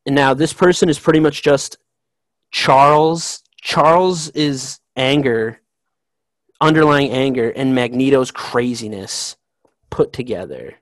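A man chats on a podcast as an eager fan, tumbling through explanations and restarting his sentences. His voice sits at a middle pitch. The recording is dry and close, with no room sound. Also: slow, no room sound, rough recording. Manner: rambling, excitable fan talk with many restarts. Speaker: podcast co-host. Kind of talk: casual chat.

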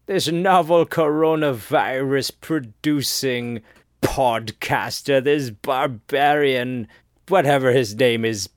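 A man's voice: mid-range voice, no echo, studio quality, pitched below the performer's own voice. Man playing Kenneth Holt, pompous posh snob. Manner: haughty, affected posh drawl. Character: pompous snobbish upper-class male radio host. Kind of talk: comedic character monologue.

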